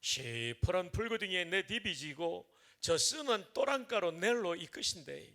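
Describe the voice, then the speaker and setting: A man recites a psalm in a put-on Gyeongsang dialect as a rough, forceful speaker. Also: high-pitched, lively intonation, unhurried, full character voice.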